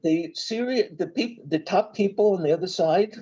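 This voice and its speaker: A man comes through a choppy online voice chat, his sound dull and lo-fi, with a dark, husky tone. He presses his case with probing questions, his pitch swinging widely. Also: moderate pace. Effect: dropping online voice-chat audio. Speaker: guest. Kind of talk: casual panel discussion. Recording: dull lo-fi call audio.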